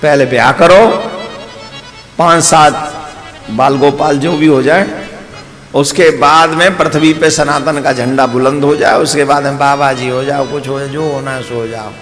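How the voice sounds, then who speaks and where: Male preacher, braj-ish hindi accent, highish voice, echoey hall w/ faint music behind, storytelling sermon w/ jokes. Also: steady tone, a little slow, fairly bright tone. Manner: storytelling with playful asides to the audience. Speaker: spiritual preacher. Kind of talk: devotional katha sermon.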